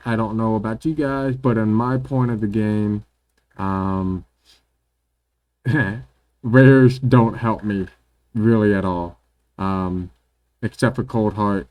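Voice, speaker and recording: A gaming channel host with a fairly low voice gives relaxed commentary as he plays at his home computer. He fills pauses with many "ums" and repeats words.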